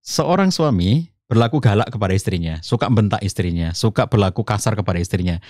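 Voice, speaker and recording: A middle-aged man from the Solo region of Central Java, a family counselor speaking as a podcast guest in a calm, explanatory way, rising in pitch when stressing a point. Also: fairly quick, no room sound, studio quality. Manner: calm explanatory, addresses host as Ustaz, rises in pitch for emphasis. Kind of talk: conversational religious talk.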